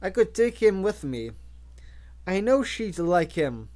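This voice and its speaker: A man's voice: sits high, big pitch swings, slow pace, darkish tone, heavily acted. A man voicing a friendly, curious young male pet-store clerk who talks in an easygoing way.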